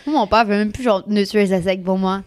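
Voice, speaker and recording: A young woman with a Québécois French accent, co-hosting a casual chat and telling stories in an animated, dramatic way. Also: mid-range voice, fairly quick, clean tone. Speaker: co-host.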